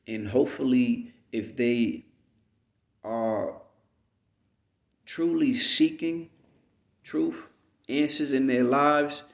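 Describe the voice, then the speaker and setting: An American vlogger delivers an unhurried, rambling, reflective monologue, often checking in with "you know what I mean." His voice is medium-pitched and creaky, and the recording has a roomy echo.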